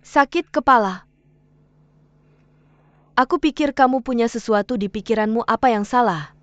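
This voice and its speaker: A woman's voice: a little high, moderate pace, dry recording, close to an everyday voice. A woman dubbing a worried young woman who keeps pressing her close friend with questions. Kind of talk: drama dub. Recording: dull dry studio dub, faint music.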